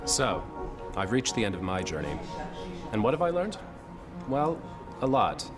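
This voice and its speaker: Man, deep voice, documentary narration, earnest, music underneath. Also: sing-song, measured pace. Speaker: documentary presenter.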